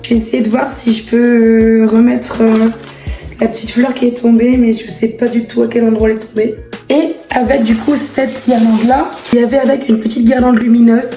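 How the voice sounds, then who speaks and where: A woman chatting casually to viewers as a vlogger, her voice hoarse and raspy, as if nearly lost. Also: fairly high pitch, little pitch movement, moderate pace, dark tone. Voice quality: raspy, strained from laryngitis. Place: echoey room indoors. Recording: echoey room with background music. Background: music.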